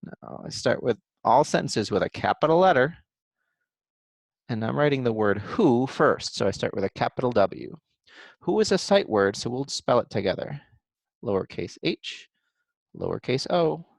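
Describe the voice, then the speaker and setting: A man teaching kindergartners to write, thinking aloud slowly and sounding out letters and syllables one at a time. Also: medium pitch, sing-song, creaky, no room sound. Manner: thinks aloud in a gentle encouraging way. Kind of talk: modeling writing for young children.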